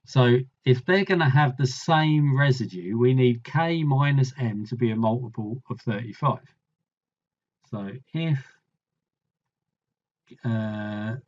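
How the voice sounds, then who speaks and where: A man's voice: medium pitch, a little mellow, muffled recording. A man tutoring, thinking aloud as he works through a maths problem, musing and trailing off mid-sentence.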